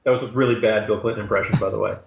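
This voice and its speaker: A man's voice: on the low side, fairly even intonation, very fast, vocal fry. A man giving wry, sarcastic commentary as a regular guest on a news discussion show. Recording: roomy echo.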